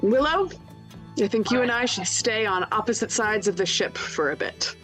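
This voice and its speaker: A woman playing a guarded, firm female adventurer in a tabletop fantasy game, blunt and deliberate in speech. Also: medium pitch, expressive, fairly bright tone, soft background music, close to an everyday voice. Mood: firm, affectionate.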